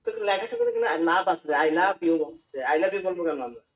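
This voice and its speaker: A man's voice: sits high, lively intonation, fairly quick. A man asking his teacher a question in an online class, hesitant and repeating himself. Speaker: student. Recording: distant dull call audio.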